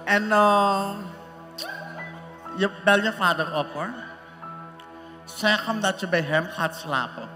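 An actor playing a strict, scornful older mother-in-law with a Surinamese Dutch accent, scolding slowly in a live stage comedy. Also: high voice. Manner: scolding, slow and emphatic. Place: large concert hall stage. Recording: long hall reverb, music behind.

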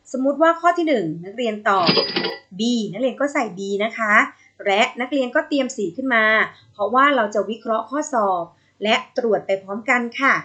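A woman with a Thai accent teaching English to young pupils in a recorded video lesson, gently drawing out model phrases for the children to repeat. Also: a little high. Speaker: primary school English teacher.

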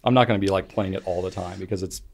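A young man with a fairly low voice co-hosts a casual podcast. He tells stories with lively energy and acts out his own lines in quoted voices. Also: very fast, creaky. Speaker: podcast co-host.

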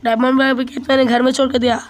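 A man's voice: extremely high pitch, very fast. A young male gamer chatting casually and bantering with a friend while playing. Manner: bantering, excitable when in danger. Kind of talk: casual gameplay chat.

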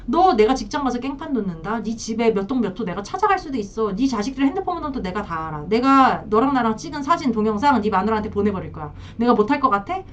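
A woman's voice: a little high, big pitch swings, quick pace, hardly any pauses, recorded from a distance, slight background noise. A woman acting out a divorced mistress who pleads, accuses and threatens her married lover. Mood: threatening. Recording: dull lo-fi sound.

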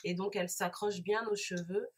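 A woman vlogger talking casually about hair products she bought, pausing often with fillers and restarts. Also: mid-range voice, fairly even intonation, husky. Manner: hesitant, many fillers and restarts. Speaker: beauty vlogger. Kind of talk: casual product haul review.

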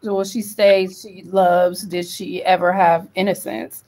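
A woman's voice: on the low side, flat delivery, takes it slowly, mellow, a little hiss or hum, rough recording. Woman with a Detroit accent. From Detroit, United States. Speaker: book club co-host. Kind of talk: casual discussion. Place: indoor room at home, video call. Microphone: computer mic on video call.

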